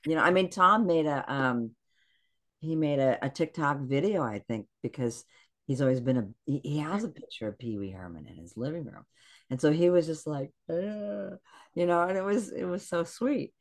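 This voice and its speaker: A woman guest in casual podcast chat, animated and acting out quotes in lively voices. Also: deep voice, normal speed.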